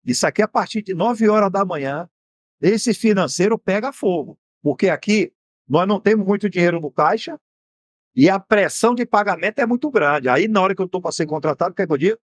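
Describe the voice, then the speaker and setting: A man's voice: sits high, animated, fairly quick, no echo. A Brazilian man with a Bahian accent hosting a TV program, explaining in a didactic way and asking rhetorical questions. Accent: Brazilian Portuguese, Bahian. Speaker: TV show host and mentor. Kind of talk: explanatory TV talk on finance. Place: TV studio.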